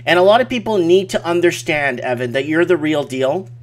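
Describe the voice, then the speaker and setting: A man's voice: on the high side, fairly quick. A man hosting a casual late-night live stream, speaking emphatically and repeating words for effect. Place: small home office at night.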